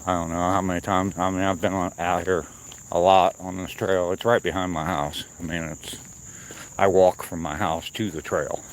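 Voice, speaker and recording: A man walking and talking on a wooded trail outdoors, chatting casually and unscripted to his viewers, with pauses. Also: sits low, fairly even intonation. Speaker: livestreamer on a morning walk. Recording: outdoor noise, insects and nature ambience.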